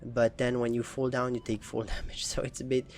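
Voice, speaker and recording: A young man casually commenting over his own gameplay footage as a gaming channel host, relaxed and hesitant, with many fillers and restarts. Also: mid-range voice, a little fast, a little hiss or hum.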